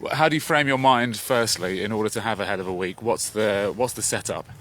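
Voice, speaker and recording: A man's voice: lowish voice, brisk, fairly bright tone. A man co-hosting a podcast on a walk outdoors, asking rambling, hesitant questions. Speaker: podcast co-host, interviewer. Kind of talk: casual walking conversation.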